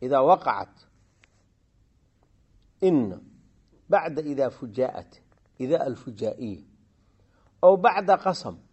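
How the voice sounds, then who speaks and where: A man teaching a grammar lesson, often pausing to quiz his students and repeating key phrases. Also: mid-range voice, big pitch swings, a little mellow, husky, highs cut off. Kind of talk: classroom lesson explaining a grammar poem.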